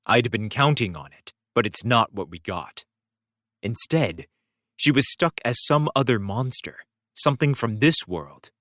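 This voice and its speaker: Male first-person narrator, wry and expressive; animated delivery, dry. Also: mid-range voice, measured pace, no room sound. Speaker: audiobook reader.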